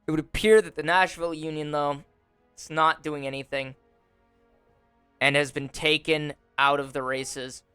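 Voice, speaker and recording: A man's voice: a little high, normal speed, clean tone, dry recording. Young guy narrating a strategy sim, wry and chill, lotsa uhs, dry close mic w faint music behind. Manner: relaxed, wry commentary with frequent fillers. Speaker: gaming YouTuber. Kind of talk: casual gameplay commentary. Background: faint background music.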